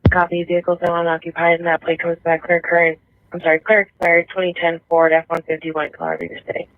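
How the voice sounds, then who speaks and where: A man's voice: on the high side, quick pace, no echo, narrow, tinny audio. A man speaking as a police officer over a police radio, giving clipped call-outs. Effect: police radio transmission. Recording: thin distant radio audio.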